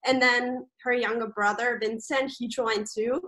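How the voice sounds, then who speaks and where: The audio is poor as a young woman from Austria, a camp staffer and native German speaker with an Austrian accent, chats about camp on a video-call interview full of fillers and restarts. Her pitch is fairly high and her tone sharp, delivered a little slowly with fairly even intonation.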